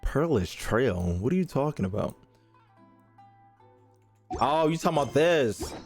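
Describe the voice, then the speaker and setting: A man's voice: medium pitch, expressive, a little slow, faint music behind. A man streaming games, bantering with viewers in slangy, exclamatory talk and often repeating his phrases. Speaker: live streamer. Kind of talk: casual gaming stream chat.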